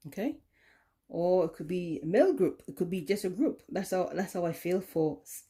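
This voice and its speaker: A woman giving a tarot card reading, talking in a slow, soothing way with many "okay?" tag questions. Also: lowish voice, dark tone. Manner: drops into a whisper at times. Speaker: tarot reader.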